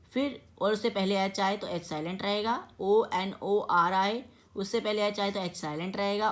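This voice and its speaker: A woman teaches a grammar lesson at a middle pitch. She explains patiently and spells words out letter by letter. She often stops to make sure her students have followed. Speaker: English teacher.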